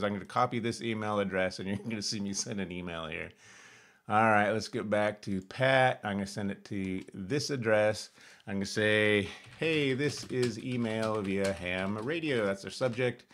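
An American man in his fifties hosts an amateur radio tutorial as a casual screen-share demonstration, thinking aloud as he narrates each step. His voice is on the low side with a slightly bright quality. He's recording in a small room at home.

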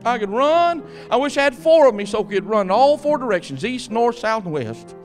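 A man's voice: extremely high pitch, very animated, brisk, soft background music. A man preaching a fervent, emphatic sermon and calling out to his congregation.

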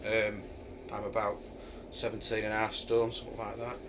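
This middle-aged Yorkshireman's voice is on the low side and completely flat, at normal speed, as he casually assesses a camping chair indoors in his kitchen. He hesitates with frequent ums, filmed by a camera a few feet away with background noise.

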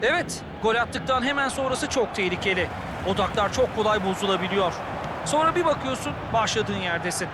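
Male co-commentator, analytical football talk at a brisk pace, heavy background noise. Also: high-pitched, lively intonation. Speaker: football co-commentator in a video game. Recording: loud stadium noise behind.

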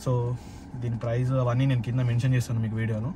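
A man's voice: mid-range voice, level tone, racing, noisy background. A man hosting a casual unboxing vlog. He chats easily and slips English words into his talk. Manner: chatty, mixing in English words. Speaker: vlog host.

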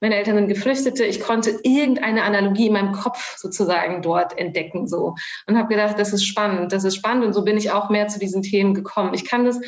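A woman from Germany joins a live online panel by video call. She talks as she thinks, with many restarts and soft laughs. Her voice rings in a roomy space, and the audio sounds dull. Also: medium pitch, steady tone, fast. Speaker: panel guest.

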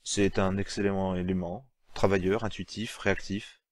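Guy playing a stiff honest counsellor, earnest, low dry voice. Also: little pitch movement, normal speed, dry recording, lightly acted. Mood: formal. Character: honest anxious male government counsellor.

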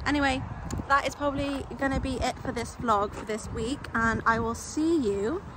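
A woman's voice: high voice, normal speed. A young English woman chatting cheerfully to her handheld camera as she vlogs outdoors in the countryside. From England. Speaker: vlogger. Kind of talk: casual travel vlog. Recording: noisy outdoor camera audio.

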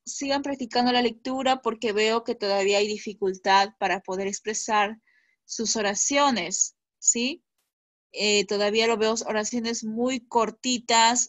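A woman's voice: a little high, fairly bright tone, dry recording. A woman teaching an online class to schoolchildren, patient and encouraging, checking often that they follow.

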